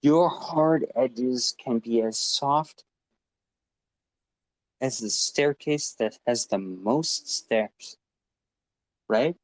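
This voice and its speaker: A man's voice: mid-range voice, very slow, pauses often, dry recording, low-quality recording. A man speaking as a guest on a live online audio panel, passionate, profane and rambling. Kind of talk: impassioned live audio-room talk. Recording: online audio-room stream.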